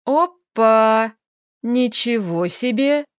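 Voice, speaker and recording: A woman voicing a spiteful middle-aged mother who talks scornfully and loudly. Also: very animated, extremely slow, no room sound, clean studio sound, full character voice. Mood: scornful angry. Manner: shrill, scornful, hissing.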